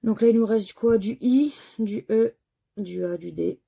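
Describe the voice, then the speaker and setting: A woman's voice: a little high, normal speed, vocal fry, warm tone, breathy edge. A French woman hosting a scratch-card channel, chatting casually as she scratches tickets and spells out letters one by one. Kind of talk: casual commentary while scratching lottery tickets.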